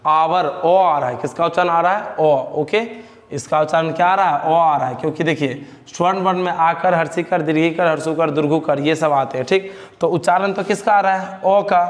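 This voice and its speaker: A male teacher with a Bihari Hindi accent, his voice sitting a little high as he drills a grammar lesson. He keeps asking the class a question and answering it himself, repeating key terms. The sound carries a long reverberant tail. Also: moderate pace.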